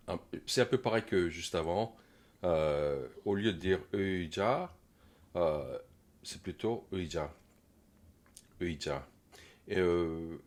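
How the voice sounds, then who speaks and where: A man giving a casual pronunciation lesson, coaching a learner with gentle critique and many hesitant filler pauses. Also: low voice.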